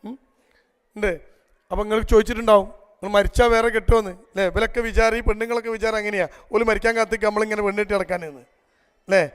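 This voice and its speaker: A man speaks to a gathered audience in a high, smooth, resonant voice. He tells stories and turns to the crowd with rhetorical questions. His voice carries a long reverb from a large hall. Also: fairly even intonation, rapid-fire. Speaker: public speaker. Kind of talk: storytelling family talk to an audience. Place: event hall before a live audience.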